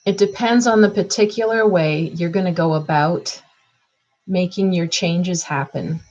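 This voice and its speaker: A woman's voice: lowish voice, a little mellow, poor audio. A woman astrologer talking through a chart reading in a casual, thinking-aloud way, with fillers and restarts.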